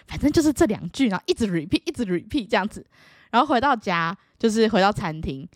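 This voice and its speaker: A young woman, telling a personal story to camera in a playful, animated way that leaps into high excited exclamations. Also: quick pace, dry recording, clean studio sound. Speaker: vlogger.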